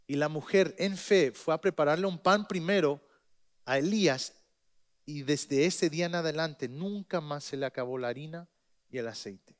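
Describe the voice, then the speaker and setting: A male pastor preaching a sermon, retelling a story in a lively way with joking asides. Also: fairly high pitch, normal speed.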